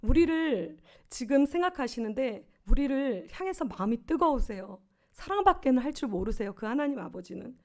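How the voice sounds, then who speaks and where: Woman pastor, 50s, earnest sermon storyteller, slightly high, warm, soft-edged voice. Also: animated, normal speed. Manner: earnest, personal storytelling with rhetorical questions. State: swollen tonsils.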